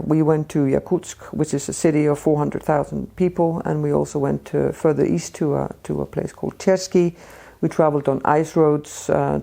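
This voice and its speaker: A woman in her fifties with an Icelandic accent, speaking as an interview guest in a measured way, with frequent ums and restarts. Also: low-pitched, vocal fry, mellow. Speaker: guest, Arctic policy expert. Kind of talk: casual interview talk.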